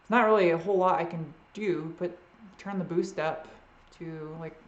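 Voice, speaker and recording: Chatting casually through viewer questions at a live Q&A, a woman with a faint Boston accent rambles, sounds unsure, and often trails off. Her voice is on the low side at normal speed, recorded with a roomy sound and cut-off highs.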